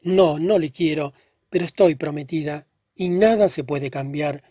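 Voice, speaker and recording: A man reading the part of a pale, troubled young woman who speaks softly and sadly. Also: low voice, measured pace, slightly rough, no echo, clean studio sound. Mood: pleading. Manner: soft, subdued and hushed.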